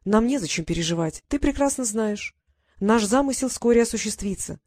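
A woman's voice: on the high side, lively intonation, a little fast, a little mellow, no room sound, pitched above the performer's own voice. Woman reading a cool, ironic male clockmaker lord. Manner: dry, mocking.

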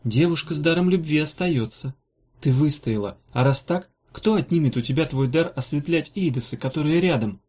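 A man reading an audiobook voices a fussy, practical female valkyrie healer with a brisk, blunt manner. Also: fairly high pitch, a little mellow, slightly rough, voice pushed up. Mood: matter-of-fact. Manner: brisk, blunt, a little embarrassed.

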